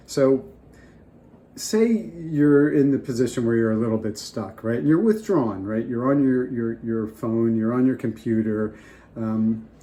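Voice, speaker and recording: An older vlogger getting over a cold talks to the camera with casual advice, his medium-pitched man's voice dark in tone. He speaks off the cuff and rambles, restarting his sentences often.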